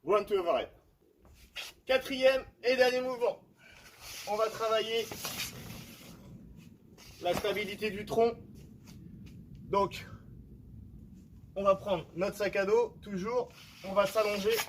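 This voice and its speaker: High-voiced man coaching a home workout. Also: slow, long pauses, a little hiss or hum, rough recording. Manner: demonstrating exercises while explaining, with frequent "d'accord?" checks. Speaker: fitness coach. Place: outdoor terrace at home.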